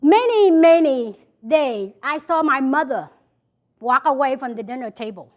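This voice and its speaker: With a high-pitched voice, lively intonation, and a slightly slow delivery, a South Vietnamese woman with a Vietnamese accent gives an emphatic motivational speech. She addresses a live audience in an event hall and keeps repeating key phrases.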